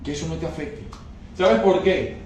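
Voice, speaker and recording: A man's voice: on the high side, moderate pace, a little mellow, slight background noise. A man preaching a sermon emphatically, often asking the congregation whether they understand. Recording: very echoey hall, mic far off.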